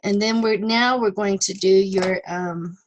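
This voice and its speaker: Patient teacher lady going really slow, breaking words into syllables, online class. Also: mid-range voice, steady tone, a little hiss or hum, low-quality recording. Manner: patient, spells out letters and repeats words. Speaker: ESL teacher.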